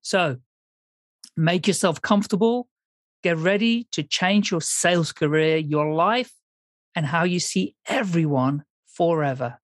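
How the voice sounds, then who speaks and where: A man hosting a podcast, reading a scripted introduction in a deliberate, announcing way. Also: fairly high pitch, dry recording. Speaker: podcast host.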